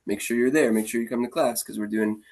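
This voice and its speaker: A man with a husky, slightly rough voice at a middle pitch, telling stories about his students in a relaxed chat. He talks with lively energy and slips into playful voices when he quotes the kids. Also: fast. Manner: animated, acts out the kids' voices. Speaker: martial arts instructor. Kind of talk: casual storytelling conversation.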